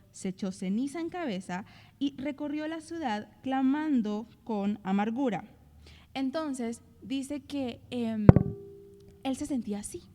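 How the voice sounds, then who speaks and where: Young woman, high voice, animated Bible podcast co-host, acts out quotes. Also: big-room sound. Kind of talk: Bible study podcast talk.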